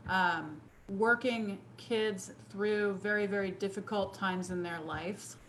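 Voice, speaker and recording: A woman teacher co-hosting a podcast over a video call, speaking in an earnest, halting way with many fillers. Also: medium pitch, fairly bright tone, a little hiss or hum, poor audio. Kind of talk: casual interview chat.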